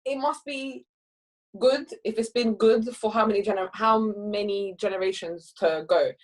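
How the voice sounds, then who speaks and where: A woman co-hosting a casual chat, speaking in an animated way and running through her points as rhetorical questions. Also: mid-range voice, normal speed. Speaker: co-host.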